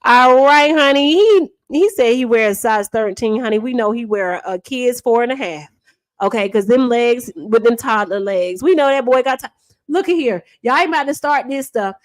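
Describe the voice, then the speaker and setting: A sassy woman streamer roasts someone for her live chat, mocking and teasing and calling everyone honey and baby. Her voice sits high. The sound is dry and close, with no room around it. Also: normal speed, dry recording, rough recording. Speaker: livestream gossip host. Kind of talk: casual commentary to a live chat.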